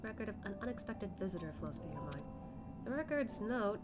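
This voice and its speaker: A woman's voice: mid-range voice, big pitch swings, brisk, lightly acted. Solemn fantasy lore narrator, a woman over music. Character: solemn narrator of ancient crystal records in a fantasy game. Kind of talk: reading game narration aloud. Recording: loud game music behind.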